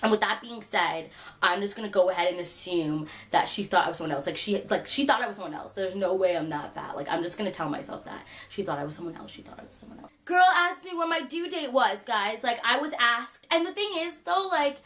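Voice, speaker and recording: A young woman vlogger telling a funny story in casual chat, animated and laughing, with lots of fillers. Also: mid-range voice, brisk.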